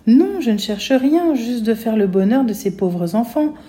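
A woman reading aloud, voicing a calm, gentle female carer who talks soothingly. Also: on the high side, unhurried, voice pushed up.

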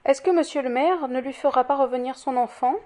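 A woman's voice: sits high, a little fast, darkish tone, close to an everyday voice. A woman voicing a timid, deferential nursing nun.

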